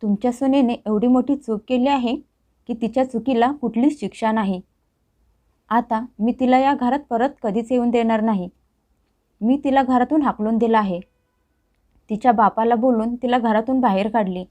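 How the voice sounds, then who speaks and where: A woman voicing an angry, domineering middle-aged mother-in-law who scolds and shouts in a storybook tale. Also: fairly high pitch, normal speed, natural voice. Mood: scolding.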